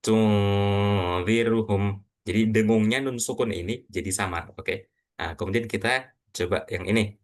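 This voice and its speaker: A man teaching Quran reading to a class, quizzing students and slowly reciting example words. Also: on the low side. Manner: patient, asks students questions, models recitation slowly.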